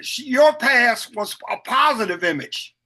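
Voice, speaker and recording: High, sharp-voiced male interviewer. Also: animated. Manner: stammering, many quick restarts. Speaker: interview host. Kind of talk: conversational interview.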